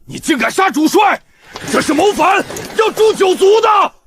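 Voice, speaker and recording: Man acting an agitated army officer, very high-pitched. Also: expressive, moderate pace, a little hiss or hum. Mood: outraged. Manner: agitated, exclamatory, often shouting. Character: alarmed, loyal army officers in ancient war. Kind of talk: dramatized animated-comic dubbing.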